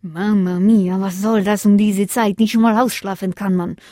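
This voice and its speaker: A woman's voice: mid-range voice, fairly even intonation, measured pace, mellow, dry recording, clean studio sound, close to an everyday voice. A woman voicing a grumpy, sleepy male rescue dog who grumbles. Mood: grumbling.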